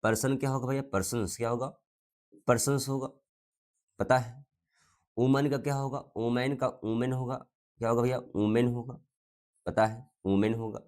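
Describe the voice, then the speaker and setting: A man's voice: mid-range voice, fairly even intonation, normal speed, pauses often, a little mellow. A man teaching a grammar lesson, asking the class questions and repeating the answers, coughing now and then.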